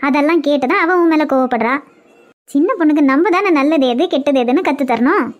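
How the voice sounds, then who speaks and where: A woman's voice: high-pitched, fairly quick, highs cut off, lightly acted. A woman voicing an older aunt in a cartoon, a caring but scolding elder with a Kanyakumari Tamil accent. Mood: bossy, caring. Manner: bossy, coaxing, scolding. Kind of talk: cartoon web series voice acting.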